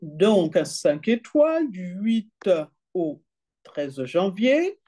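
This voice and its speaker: A woman's voice: mid-range voice, big pitch swings, warm tone. A woman chatting her way through an app demonstration, reading prices aloud and tagging sentences with little fillers. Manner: chatty, peppered with "hein" and "d'accord"; reads prices and numbers aloud slowly. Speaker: travel deals presenter.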